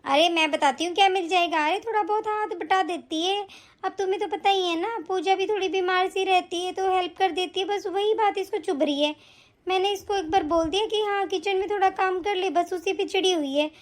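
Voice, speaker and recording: A woman voicing a sly older auntie in an animated story, sweet-talking and self-pitying. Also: extremely high pitch, a little fast. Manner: sweet-talking, defensive, fake self-pity. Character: scheming older mother-in-law type woman, sly.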